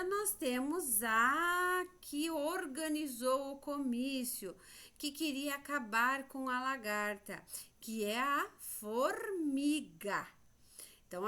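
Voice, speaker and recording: A woman's voice: sits high, sharp tone. A woman teacher with a Brazilian accent, walking children through a class exercise in a sing-song, prompting way. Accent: Brazilian Portuguese. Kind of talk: remote class lesson.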